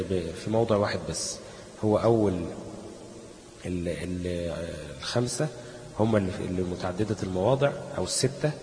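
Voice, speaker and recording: A low-pitched man with an Egyptian accent explains a recitation lesson in a patient, step-by-step way, putting questions and then answering them himself. His voice carries a long echo from a large hall. There is a faint hum of ambience behind him. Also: darkish tone. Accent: Egyptian Arabic. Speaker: Quran recitation teacher.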